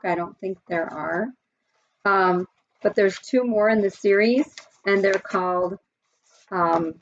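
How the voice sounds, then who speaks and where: Gravelly teacher woman reading aloud. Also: fairly low pitch. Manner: friendly, explaining, some fillers. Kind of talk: picture-book read-aloud. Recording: dull lo-fi recording.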